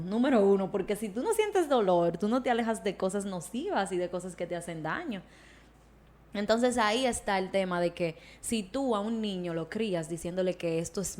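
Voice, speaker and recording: A woman talks things through as a podcast guest. She explains patiently and in detail, now and then slipping into little acted-out quotes. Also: mid-range voice. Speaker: psychologist guest. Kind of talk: casual podcast conversation.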